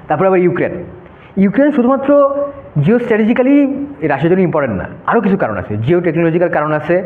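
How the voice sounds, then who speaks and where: A young man giving an informal classroom lecture, talking students through a map and often checking "okay?". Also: sits high. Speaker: debate workshop instructor. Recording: echoey room, phone-like narrow sound.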